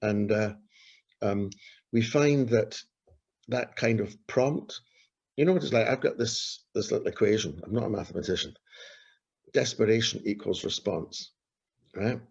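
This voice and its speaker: A man speaks in a low, gravelly voice, earnestly telling stories from his street work. His tone is husky, and he often repeats a phrase for emphasis. The recording sounds dull and lo-fi. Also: unhurried, long pauses, darkish tone. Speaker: street pastor. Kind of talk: storytelling in an interview.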